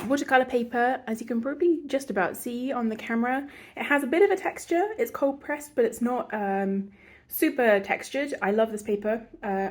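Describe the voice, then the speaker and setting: A woman's voice: mid-range voice, darkish tone. Congested woman chatting through a drawing tutorial. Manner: chatty, rambling, self-mocking. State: congested from a cold. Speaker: art channel host. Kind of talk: casual drawing and painting tutorial.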